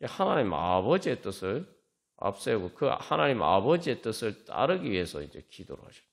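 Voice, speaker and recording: Animated male pastor preaching. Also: lowish voice, moderate pace, creaky. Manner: conversational preaching, acting out sample prayers. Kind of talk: sermon at a Friday prayer meeting.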